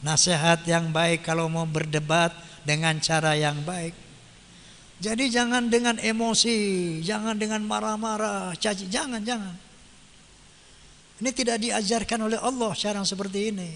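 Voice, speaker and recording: A man's voice: sits high, steady tone, normal speed, a bit bright, a little hiss or hum. A man preaching a sermon who chants Arabic verses and translates them, asking rhetorical questions and answering them himself. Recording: long hall reverb.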